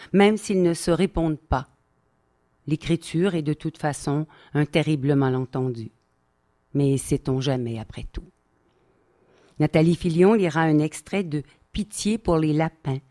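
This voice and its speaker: A man hosting, introducing a play reading in a measured, reflective way. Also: fairly high pitch, darkish tone. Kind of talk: announcement.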